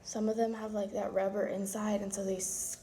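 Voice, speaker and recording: A woman's voice: mid-range voice, flat delivery, fairly quick, dark tone. A young woman with the hiccups reading science lab instructions aloud at home, with casual asides. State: has the hiccups. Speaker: vlogger doing a school science lab at home. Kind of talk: casual home video chat.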